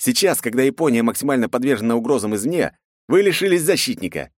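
A man voicing an angry young male hero who shouts down a hostile crowd with sarcasm. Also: medium pitch, animated, fast, no room sound, clean studio sound, pitched above the performer's own voice, close to an everyday voice. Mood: bitter.

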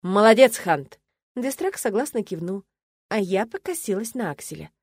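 A woman's voice: medium pitch, big pitch swings, normal speed, mellow, breathy edge, no room sound, studio quality. A woman narrating a first-person fantasy audiobook in a wry, ironic way.

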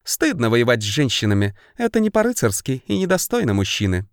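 Мужчина озвучивает прямолинейную воительницу. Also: male voice, mid-range voice, huge pitch swings, brisk, clear, resonant tone, no echo, clean studio sound, pitched above the performer's own voice. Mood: indignant.

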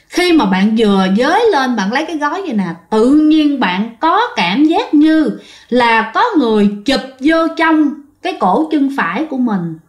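Woman storyteller, fairly high voice, chatty and direct with listeners. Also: roomy sound. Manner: chatty, addresses listeners directly, vivid retelling. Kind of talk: casual ghost story narration.

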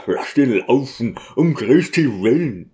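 Ein Mann, der einen aufbrausenden, sturen Diakon spricht, laut und beharrlich. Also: male voice, mid-range voice, expressive, slow. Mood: pleading. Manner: loud, pleading and defiant. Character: burly hot-tempered male deacon, loud and stubborn.

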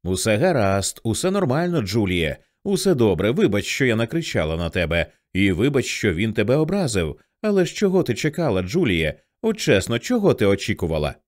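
A man voicing a frantic older teenage girl who shouts at and then pleads with her younger sister. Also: lowish voice, big pitch swings, fairly quick, hardly any pauses. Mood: pleading.

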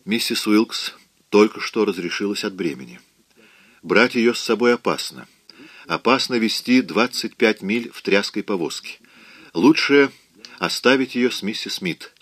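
A self-assured, blunt man, as a male reader plays him in an audiobook, firm and commanding in a lowish voice. The sound is dry and close. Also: animated, a little slow, fairly bright tone, dry recording. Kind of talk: audiobook reading.

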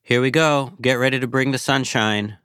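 A man hosting a show in casual chat, talking in a dry, halting, wry way. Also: mid-range voice, steady tone, fairly bright tone, smooth, no room sound. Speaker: host. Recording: dry studio sound.

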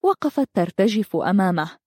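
A woman narrating an audiobook story with a steady, measured reading. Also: mid-range voice, no echo, studio quality.

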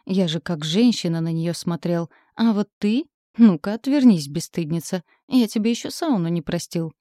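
A woman voicing a teasing, gruff young husband in an audiobook, lightly acted. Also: lowish voice, normal speed, mellow, dry recording, clean studio sound, close to an everyday voice. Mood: joking. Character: grumbling joking young husband, a man.

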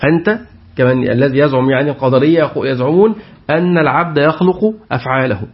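A man's voice: medium pitch, quick pace. A man giving a Quran tafsir lesson, putting questions to his class and repeating their answers. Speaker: Quran teacher. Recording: dull lo-fi recording.

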